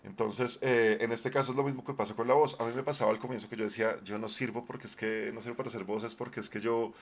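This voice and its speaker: A man with a low, deep voice, talking casually on his live stream as a game master, conversational with many fillers and restarts. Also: steady tone, fast talker. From Colombia.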